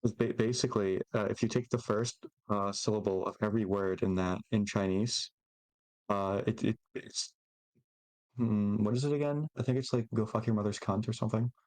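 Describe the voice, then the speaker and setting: A man's voice: lowish voice, moderate pace, darkish tone, no room sound. A man in casual conversation who speaks hesitantly, often stammering as he explains. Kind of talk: casual chat.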